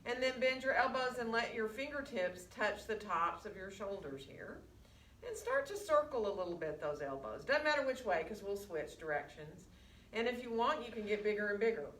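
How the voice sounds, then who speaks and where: A woman teaching a gentle yoga class, speaking through a face mask and giving guided breathing and movement instructions. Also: mid-range voice. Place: indoor yoga studio. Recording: distant mic, echoey room, faint noise.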